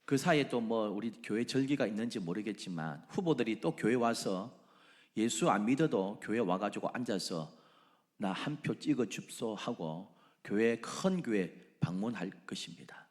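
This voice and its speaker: Pastor preaching in church, middle-aged guy, goes from loud to whispery, voice jumps around a lot. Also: lowish voice, expressive, normal speed. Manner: dramatic, swings between loud exclamations and hushed whispers. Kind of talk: sermon. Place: church sanctuary.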